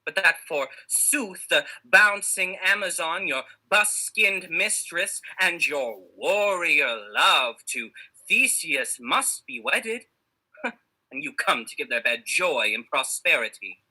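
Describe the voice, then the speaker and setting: A woman's voice: low voice, lively intonation, slow pace, pushed and bright, breathy edge, exaggerated voice, low-quality recording. A woman playing a proud, wrathful fairy queen in hammy, theatrical Shakespearean verse on stage. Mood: haughty, jealous.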